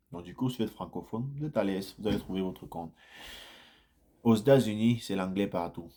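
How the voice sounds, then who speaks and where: A fairly low-voiced man talks loosely and chattily to his viewers, sharing his immigrant experience as a vlogger through casual first-person stories. He repeats phrases for emphasis and livens up as his stories build.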